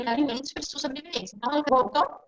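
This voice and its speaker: A woman teacher giving an online class, her voice chopped up and robotic from a breaking-up internet connection, talking haltingly with many fillers. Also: high voice, fairly bright tone, distant mic, soft background music. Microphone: computer or phone on a video call. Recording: muffled lo-fi online call audio.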